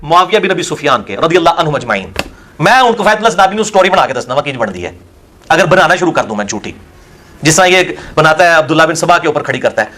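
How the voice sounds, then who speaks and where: Man, high voice, forceful, scornful, rhetorical questions, religious Q&A. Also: very animated, a little hiss or hum. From Pakistan. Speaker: religious scholar answering questions. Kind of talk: heated religious Q&A.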